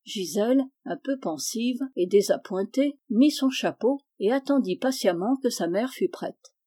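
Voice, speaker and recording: Mellow-voiced woman narrating a classic tale. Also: medium pitch, a little slow, husky. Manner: steady, even storytelling. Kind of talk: audiobook narration of a classic novel.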